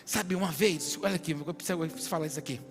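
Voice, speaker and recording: A Brazilian pastor preaches in a high, ringing voice that climbs into shouted prophetic declarations. The sermon carries a long church-hall echo, with faint worship music underneath. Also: male voice, very fast. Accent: Brazilian Portuguese.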